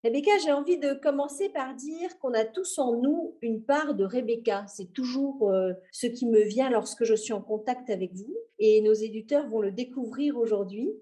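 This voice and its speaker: Mellow-voiced woman hosting a podcast. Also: a little high, normal speed, few pauses. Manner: polite, formal questioning. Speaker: podcast host. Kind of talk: interview podcast.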